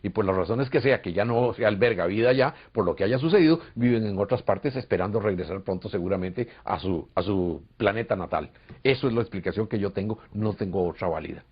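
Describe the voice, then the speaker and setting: A UFO contactee from Costa Rica speaks fairly quickly in a fairly low, breathy-edged voice with lively intonation and a Costa Rican Spanish accent. As the interviewee, he earnestly tells a long story with hesitations, and the recording is dull and lo-fi.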